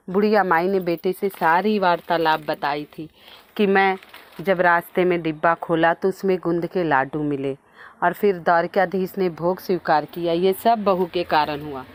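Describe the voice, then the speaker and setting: A woman narrating a devotional folk tale in a simple, unhurried storytelling manner. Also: lowish voice.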